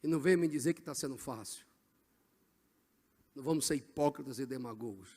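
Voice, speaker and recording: A middle-aged male pastor preaching a Pentecostal sermon, swinging from hushed passages to shouted climaxes. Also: mid-range voice, brisk, slightly rough, long reverb tail.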